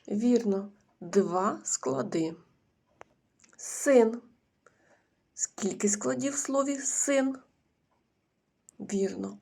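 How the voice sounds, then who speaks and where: A woman teacher leads a recorded reading lesson for preschool children at a very unhurried pace, leaving pauses for their answers. Her voice carries a gravelly fry and a husky, breathy edge, and she often slips into a near-whisper. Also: mid-range voice, a little mellow. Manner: slow and patient, pausing for children's answers. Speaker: kindergarten teacher.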